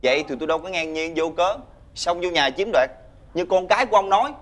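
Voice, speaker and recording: An actor playing a menacing male debt-collecting thug, talking loudly and scornfully. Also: high voice, fast talker. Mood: threatening. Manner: loud, scornful, ordering others around. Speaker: debt collector's henchman leader. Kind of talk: TV fairy-tale drama acting.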